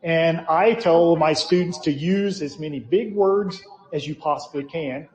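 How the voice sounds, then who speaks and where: A man's voice: a little high, a little slow, a little mellow. A man lecturing informally at a conference, joking with the room. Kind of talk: conference talk. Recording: echoey, dull hall sound.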